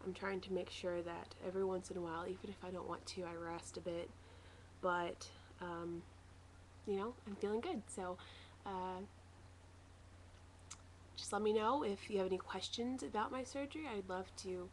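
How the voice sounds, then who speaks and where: A woman's voice: medium pitch, fairly even intonation, moderate pace, a little hiss or hum. A woman talking casually and matter-of-factly in a rambling personal video diary, recorded at home. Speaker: vlogger sharing a weight-loss surgery recovery diary.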